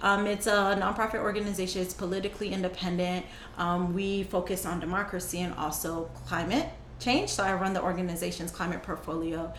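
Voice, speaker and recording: A young adult woman, a guest on an interview show and a climate justice program manager, tells her story earnestly and conversationally, laughing easily. Her voice is on the low side and fairly bright, her intonation fairly even and her pace brisk. The room is echoey, with faint noise.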